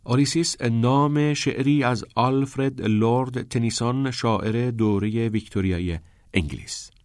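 A man narrating an audiobook in a calm, even storytelling manner. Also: on the low side, no echo, clean studio sound.

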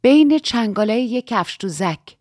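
A woman voicing a soft, earnest young woman who asks searching questions in an audiobook. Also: fairly high pitch, lively intonation, dry recording, studio quality. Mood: soft, probing.

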